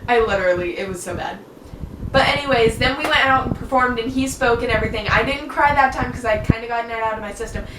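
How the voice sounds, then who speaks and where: A teenage girl vlogger telling a story in a gushing, excitable way, full of fillers. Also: on the high side, quick pace. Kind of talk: casual storytelling. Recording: echoey room, far from mic, noisy.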